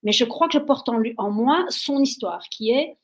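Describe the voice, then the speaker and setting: A woman's voice: fairly high pitch, moderate pace. A woman from Belgium, a guest in an interview, telling stories with lots of energy and getting carried away as she talks. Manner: energetic, gets carried away when talking. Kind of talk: animated storytelling.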